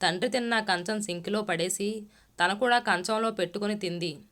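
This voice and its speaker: A woman's voice: medium pitch, normal speed, a bit bright. Woman storyteller reading a story aloud. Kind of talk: read-aloud story narration.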